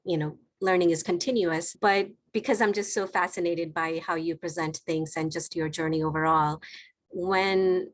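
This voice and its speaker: A woman asks polite, winding questions, often pausing to rephrase them. Her voice sits a little low for a woman. She sounds courteous and a bit unsure as she searches for her words. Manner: polite, hesitant, rambling questions. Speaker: course participant asking questions. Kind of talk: casual conversational questions.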